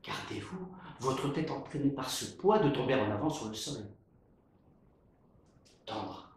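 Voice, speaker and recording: A man's voice: medium pitch, measured pace, a little hiss or hum, close to an everyday voice. A man acting a proud, witty swordsman in a theatrical verse monologue, declaiming like a hammy stage actor with grandly shifting tones. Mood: tender, solicitous. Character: proud, witty swordsman Cyrano mocking insults about his big nose. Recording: very echoey, roomy sound.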